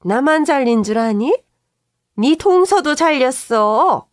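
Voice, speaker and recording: A woman's voice: high-pitched, lively intonation, slow pace, no echo, studio quality, voice pushed up. A woman doing a furious older mother-in-law. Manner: yelling, accusing.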